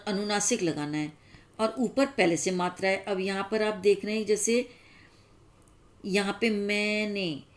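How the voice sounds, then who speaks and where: A woman teacher giving a grammar lesson, explaining step by step and pausing on each example. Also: mid-range voice.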